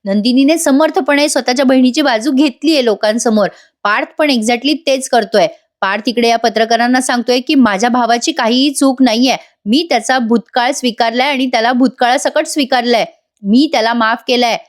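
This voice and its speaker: A woman's voice: fairly high pitch, fairly quick. A woman doing a chatty voice-over review of a TV serial episode, talking straight to her viewers. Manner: chatty, addresses viewers directly.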